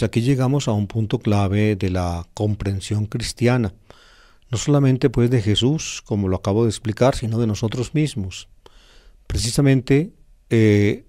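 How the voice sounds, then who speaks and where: A male priest giving a gospel reflection in a teacherly, explanatory way, pausing on fillers and repeating key phrases for emphasis. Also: fairly low pitch, warm tone.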